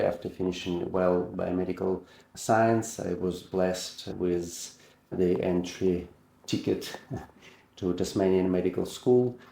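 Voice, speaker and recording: A middle-aged man from Ukraine with a Ukrainian accent, a surgeon recounting his career in a measured way, restarting words and using slightly non-native phrasing. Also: low-pitched, vocal fry, mellow, reverberant. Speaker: heart and lung surgeon. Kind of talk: personal career account.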